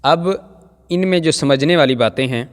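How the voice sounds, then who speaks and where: A man teaching Quran reading, drawing out each Arabic letter slowly and then explaining patiently to parents, with much repetition. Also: medium pitch. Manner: slow, drawn-out recitation of Arabic letters. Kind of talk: Noorani Qaida recitation lesson. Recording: hall reverb.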